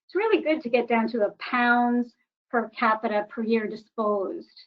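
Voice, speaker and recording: Woman presenter, slightly high voice, warbly computer audio, muffled, hesitant with ums. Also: moderate pace. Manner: hesitant, with frequent ums and restarts. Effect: warbly voice through a computer connection. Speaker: webinar presenter. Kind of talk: slide presentation with data. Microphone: computer microphone.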